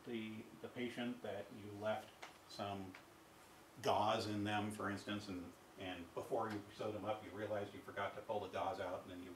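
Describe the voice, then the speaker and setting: Middle-aged man lecturing, halting, lots of fillers, low voice, echoey hall heard from far off. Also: a little hiss or hum. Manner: halting, many fillers and restarts; asks the audience rhetorical questions. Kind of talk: university ethics lecture.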